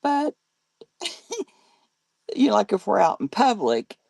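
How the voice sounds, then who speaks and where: A woman's voice: mid-range voice, wildly swooping pitch, takes it slowly, gravelly, a little mellow, husky, dry recording. An older woman, a grandmother, chatting casually on a live stream, laughing often and answering viewer comments as she talks. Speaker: live-selling host.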